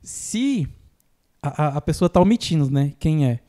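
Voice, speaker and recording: A man in casual conversation, his tone mellow and unhurried. He explains therapy ideas step by step and mimics clients in a lifted voice. His laughter comes easily. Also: lively intonation. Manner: acts out clients' lines in a higher voice, laughs easily. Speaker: podcast host, phobia therapist.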